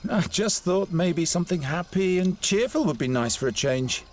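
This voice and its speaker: A man's voice: high voice, animated, moderate pace. A man voicing a young outcast bird catcher in a fantasy game, speaking mildly and hesitantly. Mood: curious. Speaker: game protagonist. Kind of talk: voiced video game dialogue.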